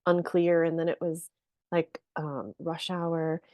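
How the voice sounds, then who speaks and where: A woman guest on a podcast, telling a long personal story in a casual, animated way with lots of fillers and laughter. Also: low voice, slow, dry recording, clean studio sound. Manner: animated, chatty, many fillers, laughs often.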